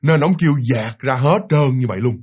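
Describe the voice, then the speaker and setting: A man with a Southern Vietnamese accent telling a spooky story, animated, repeating words for effect and speaking straight to his listeners. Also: mid-range voice, fairly quick, breathy edge.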